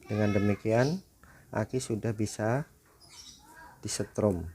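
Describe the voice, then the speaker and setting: A DIY tutorial maker demonstrates a how-to at home in a relaxed, casual way, speaking directly to viewers as if they were friends. His voice is on the low side and slow, with a little hiss or hum.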